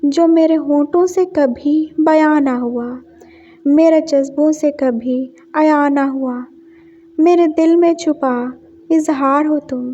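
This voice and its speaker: Woman doing a young poet, tender, sulky, slow recitation, high voice, muffled recording. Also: steady tone, warm tone. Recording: dull lo-fi sound.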